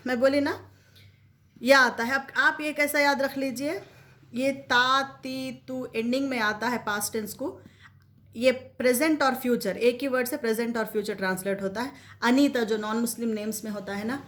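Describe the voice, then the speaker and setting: Woman teaching Quranic grammar, slightly high voice. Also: a bit bright. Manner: repeats and drills grammar points, asks rhetorical questions. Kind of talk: explanatory lesson.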